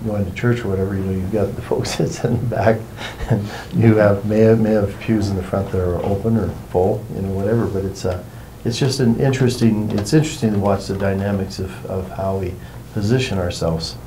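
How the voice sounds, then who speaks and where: Male workshop facilitator, low-pitched and soft-edged, informal meandering explainer, light room noise behind. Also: fairly even intonation, a little fast, hardly any pauses, rough recording. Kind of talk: informal explanatory talk to a group.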